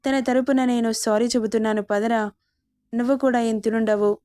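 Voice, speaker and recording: A woman's voice: fairly high pitch, fairly even intonation, normal speed, mellow, lightly acted. A woman voicing a stubborn, loyal young man in a storybook, speaking insistently.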